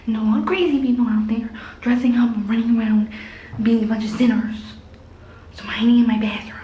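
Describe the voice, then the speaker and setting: A prim, self-righteous young woman , put on by a woman, hisses her complaints in a hushed half-whisper. She scolds in a petulant, childish way, in a somewhat high voice from a small bathroom, with faint noise behind. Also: fairly even intonation, quick pace, close to an everyday voice, rough recording.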